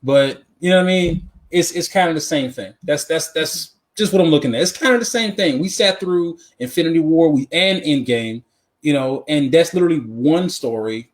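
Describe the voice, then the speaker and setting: A man with a somewhat high voice speaks at normal speed as a co-host in casual live podcast chat. He's informal and opinionated, often repeating phrases to stress a point.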